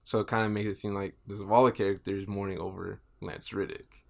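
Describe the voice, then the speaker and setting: Gravelly low-voiced man chatting. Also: fast. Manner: relaxed, recounts game story with fillers. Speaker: podcast co-host. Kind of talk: casual chat.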